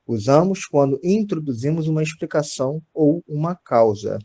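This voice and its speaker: Brazilian male teacher, patient and talking straight to his class, voice a touch high. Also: animated, moderate pace, warm tone. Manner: explains patiently, often checks in with "tá certo?" and "gente". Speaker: Portuguese teacher. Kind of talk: recorded grammar lesson.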